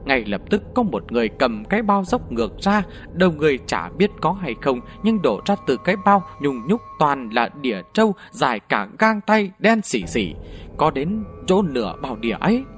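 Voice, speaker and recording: A man narrating a ghost story audiobook in an animated, vivid way. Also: a little high, normal speed, faint music behind.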